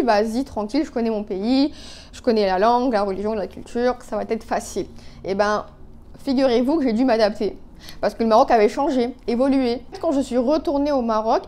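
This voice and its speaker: A woman in her twenties talks through her makeup in a loose, chatty way, scattering fillers and asides. Her voice sits a little high but sounds soft and mellow. It is recorded on a phone. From Canada. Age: 20s. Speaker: beauty vlogger. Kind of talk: casual chat while doing makeup.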